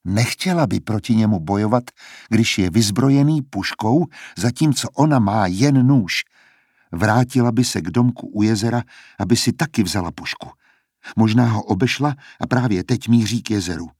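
A man narrating an audiobook in a steady, measured storytelling manner. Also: on the low side, husky, dry recording, clean studio sound.

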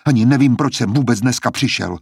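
A man reading a defiant, angry young student who argues in raised, heated retorts with a husky voice. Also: mid-range voice, animated, a little mellow, no room sound, clean studio sound.

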